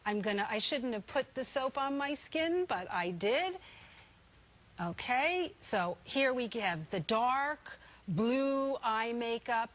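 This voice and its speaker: A woman's voice: fairly high pitch, expressive, slow pace, fairly bright tone. A woman from the United States presenting a product in home shopping style, instructive, with emphatic short phrases.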